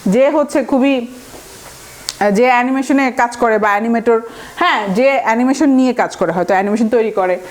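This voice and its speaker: High-pitched Bangladeshi woman, online vocab tutor, breaks words into syllables and checks in with viewers. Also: brisk. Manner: mixes English phrases into her talk, breaks long words into syllables; fillers and restarts, asks the viewer rhetorical questions. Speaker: vocabulary teacher. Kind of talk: online exam-prep lesson.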